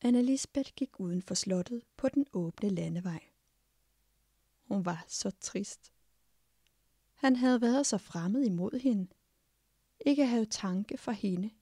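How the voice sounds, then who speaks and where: A woman reads a fairy tale in a slow, hushed storytelling voice that keeps sinking into unvoiced whispers. Her tone is dark and mellow with a husky, creaky texture. The close studio recording is completely dry. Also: medium pitch, no room sound. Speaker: audiobook narrator. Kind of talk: scripted fairy-tale narration.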